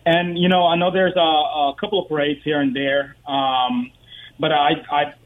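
A man's voice: a little high, little pitch movement, moderate pace. A man in his thirties from the Dominican Republic, a guest on a radio show calling in, talking with many fillers and restarts. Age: 30s. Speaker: guest, parade co-founder. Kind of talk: phone interview. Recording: tinny phone line.

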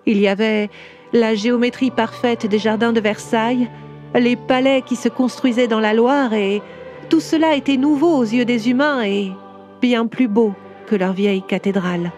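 An ancient cathedral speaks as a gentle, proud old lady of stone, voiced by a woman. She confides her story tenderly, in a slightly high voice. Soft music plays beneath her in this storybook audio drama. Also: moderate pace, close to an everyday voice. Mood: wistful.

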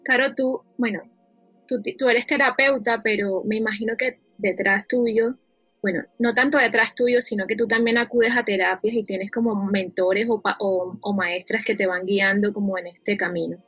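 A woman hosts a casual podcast interview, asking long, searching questions. Her voice is bright and a little breathy. It sounds dry and close to the mic, with faint music underneath. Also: mid-range voice, fairly even intonation, normal speed, no echo. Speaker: podcast host.

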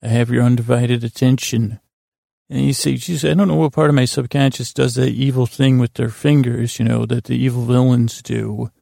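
A middle-aged sleep-podcast host wanders through a bedtime monologue with a flat, gravelly, mellow mid-range voice. He speaks haltingly and dryly whimsical, mocking himself, pausing frequently and leaving tangents unresolved, in a dry, clean studio recording.

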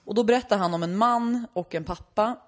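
A young woman in casual podcast chat, telling stories and acting out the people in them with sudden loud outbursts. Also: mid-range voice. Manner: animated storyteller, acts out quotes loudly.

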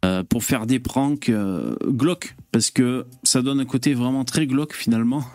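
A man's voice: medium pitch, moderate pace, darkish tone, no room sound. A man hosting a casual live stream, chatting with viewers in a loose, hesitant way with lots of fillers and curse words. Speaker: host.

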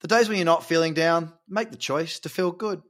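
A man's voice: fairly high pitch, fairly quick. Chatty man in his thirties. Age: 30s. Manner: chatty, encouraging, corrects himself mid-sentence. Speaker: crypto market vlogger. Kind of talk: casual market update and pep talk.

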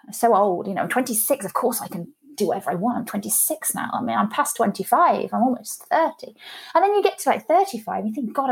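A woman in her thirties, a guest talking candidly and chattily about running her own PR business, often restarting her sentences. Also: medium pitch. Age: 30s. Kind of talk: casual interview conversation.

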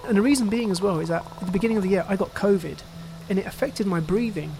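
High-voiced man, relaxed, in a noisy outdoor setting. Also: quick pace. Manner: relaxed and reflective, with fillers like "you know". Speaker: composer and sound artist. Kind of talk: interview.

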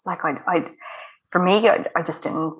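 Woman, west of Ireland accent, lowish voice, chatty and emphatic personal storytelling, slightly muffled recording. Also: normal speed. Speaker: interview guest.

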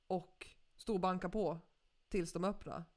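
A woman, hosting a podcast and telling a story in frank, lively casual chat. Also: fairly low pitch. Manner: lively, frank storyteller who swears freely. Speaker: podcast host.

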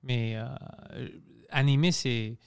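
A man's voice: mid-range voice, fairly even intonation, extremely slow, gravelly, smooth, dry recording, studio quality. A man speaking French with a Greek accent, a comedian hosting a casual podcast chat and slipping into English mid-sentence.

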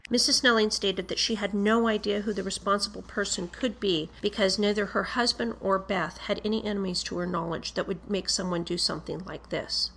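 A woman with a medium-pitched voice reads a written police report aloud. Her delivery is formal and procedural. She keeps a measured, matter-of-fact manner throughout. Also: steady tone, vocal fry, a bit bright, breathy edge.

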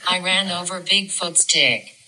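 A computer text-to-speech voice of a woman stranded on the road, flat and synthetic, played back as an audio clip from a distance. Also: fairly low pitch, measured pace, heavily acted. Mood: deadpan. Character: stranded female driver asking for a ride.

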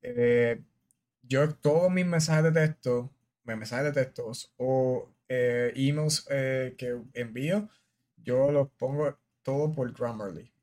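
A man's voice: mid-range voice, slow, darkish tone. A man from Puerto Rico with a Puerto Rican Spanish accent, hosting a podcast interview in casual, earnest talk that often restarts and repeats words. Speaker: podcast host, army officer.

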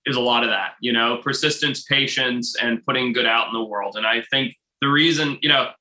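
Bright animated man in an echoey room. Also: mid-range voice, a little fast. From Zimbabwe. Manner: animated storytelling, laughs often. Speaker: wildlife biologist, author. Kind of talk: interview conversation.

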